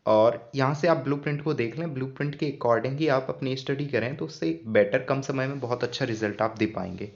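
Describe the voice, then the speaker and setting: A man's voice: mid-range voice, brisk, vocal fry, few pauses. A man who teaches English grammar patiently and often repeats key points as questions for the students. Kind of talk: explaining an English grammar lesson. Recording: dull lo-fi sound.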